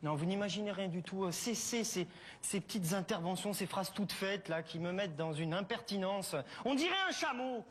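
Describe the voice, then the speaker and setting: An actor playing a childishly persistent, nosy neighbor in a comedy sketch, loud and clownish, on old tape audio. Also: male voice, normal speed, slight background noise, natural voice. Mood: pestering. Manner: loud, clownish, swoops high to low. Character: pestering, nosy middle-aged male neighbor, childishly persistent.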